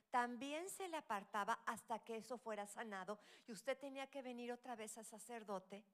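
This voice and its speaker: A middle-aged woman preaching a sermon, with a fairly high-pitched voice. She shifts dramatically between loud, rising exclamations and quiet, whispered asides.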